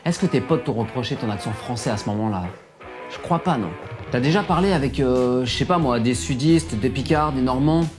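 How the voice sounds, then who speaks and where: A man's voice: medium pitch, fairly quick, over music. A man hosting a video, narrating in a chatty, teasing way and talking straight to the viewer. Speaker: video host. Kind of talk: casual narration.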